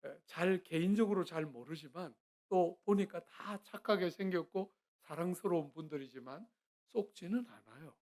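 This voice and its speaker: A middle-aged man, a guest pastor, preaching a sermon in a church, earnest and swinging between quiet and loud. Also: sits high, normal speed. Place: church sanctuary.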